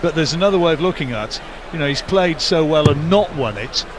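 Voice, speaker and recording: A man's voice: a little high, animated, a little fast. A man giving live darts commentary in a conversational, discursive way with wry asides. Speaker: sports commentator. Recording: loud arena noise behind commentary. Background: noisy darts arena.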